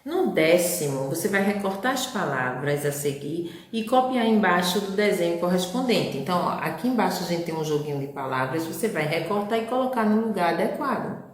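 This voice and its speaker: A woman's voice: fairly low pitch, lively intonation, brisk, few pauses, echoey room. A woman teacher with a Brazilian Portuguese accent, giving a recorded lesson to young children and sounding out letters and syllables patiently.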